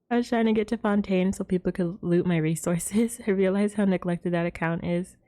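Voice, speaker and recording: With game music in the background, this woman keeps up giggly, casual chatter with her stream audience while she plays. She speaks at normal speed in a warm, medium-pitched voice with fairly even intonation.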